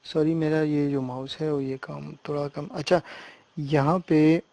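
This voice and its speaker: A man talks through a software tutorial on his computer. His voice sits on the higher side and stays flat and even as he explains each step, often stopping to make sure the listener is following. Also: gravelly. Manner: hesitant fillers and restarts while working on screen. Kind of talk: screen-recorded software tutorial.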